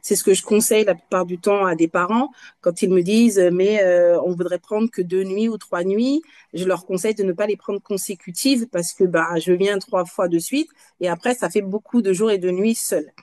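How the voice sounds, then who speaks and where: Brief: woman in her fifties from Guadeloupe, interview guest, middle pitch, halting and pausing as she answers. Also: a little mellow. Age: 50s. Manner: halting, searching for words between pauses. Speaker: guest, night nurse.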